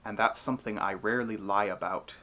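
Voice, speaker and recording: A man's voice: fairly low pitch, fairly even intonation, brisk, sharp tone. Man acting out insolent, taunting old ferryman. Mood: defiant. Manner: mocking, provoking. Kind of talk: storybook retelling of a myth.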